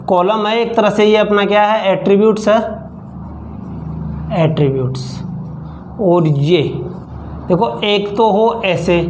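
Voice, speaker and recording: A male computer teacher, dictating a lesson slowly and repeating each phrase so students can write it down. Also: high voice, a little mellow, a little hiss or hum, low-quality recording. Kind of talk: slow dictation-style lesson.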